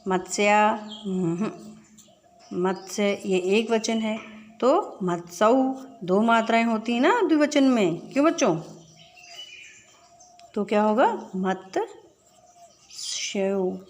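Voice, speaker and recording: A woman's voice: fairly high pitch, lively intonation, measured pace, a little hiss or hum. A woman teaching a children's lesson, patiently asking the children questions and then answering them herself. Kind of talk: classroom lesson explanation.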